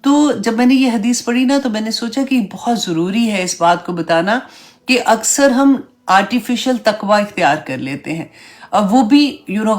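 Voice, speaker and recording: Low-voiced woman teaching a casual religious class. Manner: conversational, mixes English words into Urdu; checks in with listeners, "right?", "hai na?". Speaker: Islamic teacher. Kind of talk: online religious class lecture.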